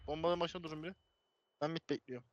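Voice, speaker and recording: A man streaming a shooter game, rapidly calling out positions and urging teammates on with repeated commands. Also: fairly high pitch, fairly even intonation, dull audio, a crowd in the background. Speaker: streamer and team caller. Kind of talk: live gameplay callouts.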